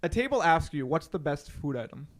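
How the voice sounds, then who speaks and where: A man's voice: on the high side, very animated, a little fast. A young man co-hosting a casual podcast, telling stories and swearing freely, with a constant "right?" tag. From Canada. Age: young adult. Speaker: podcast co-host. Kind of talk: casual chat.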